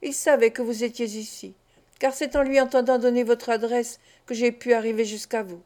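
A desperate young woman of the streets pleads through tears, read by a woman narrator. The voice sits fairly high yet sounds soft and mellow. This is an audiobook of a classic novel. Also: flat delivery, moderate pace, natural voice. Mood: pleading. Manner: pleading, tearful.

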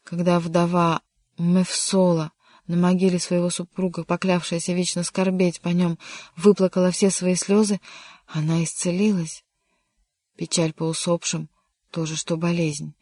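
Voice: medium pitch, little pitch movement, moderate pace, darkish tone, dry recording, clean studio sound, natural voice. A reader voicing a lovesick, despairing young count in an audiobook, speaking in an impassioned, pleading way. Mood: hopeful. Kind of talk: audiobook reading.

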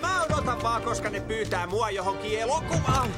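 A chatty, vain one-eyed monster, Mike Wazowski. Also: male voice, extremely high pitch, over loud music. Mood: boastful. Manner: fast, excitable, boastful chatter. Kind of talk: animated film dub.

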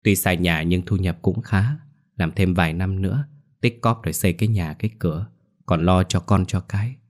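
A man doing a shrill scheming young wife. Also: steady tone, moderate pace, darkish tone, natural voice. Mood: coaxing. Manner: shrill, pleading.

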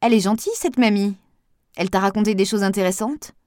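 A woman voicing a lively young woman friend who talks in a brisk, teasing way. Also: medium pitch, no room sound, studio quality, lightly acted.

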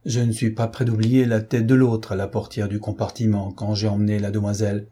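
Excited rustic gardener, put on by a man, eager and breathless, husky. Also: fairly low pitch, a little fast.

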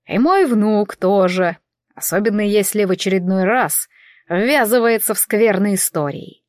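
A woman voicing a stern old male elf who lectures slowly and pompously. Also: medium pitch, a little mellow, dry recording, clean studio sound, lightly acted.

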